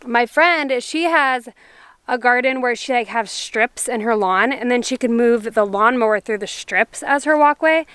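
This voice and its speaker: A woman's voice: fairly high pitch, unhurried, a bit bright, smooth. A woman vlogging casually about her garden, chatty and rambling, now and then sighing. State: out of breath. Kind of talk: casual vlog talk to camera. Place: garage, storm outside.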